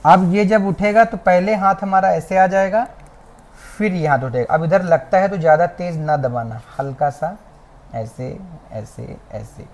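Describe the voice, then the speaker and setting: A massage instructor giving a hands-on class demonstration, with soft, repeated cues and frequent check-ins with the students. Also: medium pitch, moderate pace. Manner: soft, repetitive coaching cues. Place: training academy classroom.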